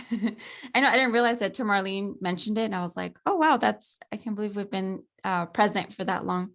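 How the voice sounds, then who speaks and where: A woman of middling pitch talks over a video call on a webinar. She hesitates often, scattering ums and uhs between her phrases. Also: gravelly, fairly bright tone. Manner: halting, frequent ums and uhs. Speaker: representative of an immigrant aid center. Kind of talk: webinar presentation.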